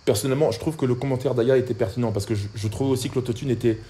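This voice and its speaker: Fast-talking young man. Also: mid-range voice, steady tone, dark tone. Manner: quick, chatty, asks questions. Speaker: podcast co-host. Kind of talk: casual chat.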